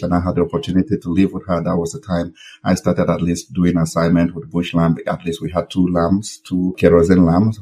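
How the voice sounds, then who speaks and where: A man in his forties from Cameroon, a nurse and public health expert, earnestly tells his story as a guest in a conversational podcast interview. His voice sits low with a dark tone, there's slight background noise, and he uses fillers and restarts.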